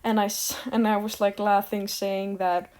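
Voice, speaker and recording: A woman's voice: medium pitch, flat delivery, normal speed, darkish tone. A teenage girl from Iceland ranting casually to the camera, rambling with lots of fillers and a sarcastic edge. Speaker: vlogger.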